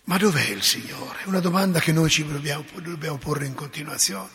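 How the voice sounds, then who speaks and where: High-voiced man preaching in a reverberant hall. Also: a little fast. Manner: storytelling, acts out dialogue, emphatic swings in loudness. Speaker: priest. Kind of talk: sermon.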